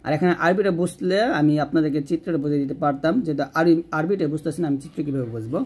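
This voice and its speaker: A man teaching Quran reading, explaining rules patiently and drawing out slow recited examples. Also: a little high, a little mellow, slightly rough. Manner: patient step-by-step explanation, asks and answers own questions.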